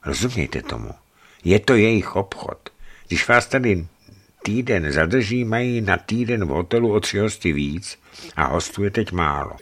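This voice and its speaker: A man voicing a shrewd, gruff middle-aged ex-legionnaire trucker who talks bluntly and matter-of-factly. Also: fairly low pitch, lively intonation, fairly bright tone. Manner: blunt, matter-of-fact bargaining.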